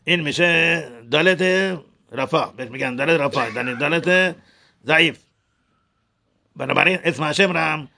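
A man teaching the correct pronunciation of a Hebrew prayer, talking haltingly and repeating words to model each sound. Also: mid-range voice, gravelly, sharp tone. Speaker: religious teacher.

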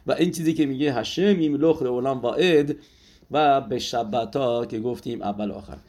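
A man giving a spoken religious lesson, pausing often with filler sounds as he explains. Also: mid-range voice, darkish tone. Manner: hesitant, many filler sounds. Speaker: religious teacher. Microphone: audio-only recording.

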